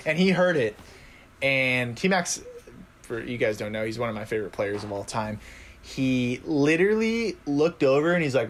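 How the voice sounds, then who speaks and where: A young man co-hosting a sports podcast, chatting casually and telling animated stories with frequent laughs. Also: mid-range voice, a little hiss or hum. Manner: animated storyteller, laughs often. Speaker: podcast co-host. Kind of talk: casual chat.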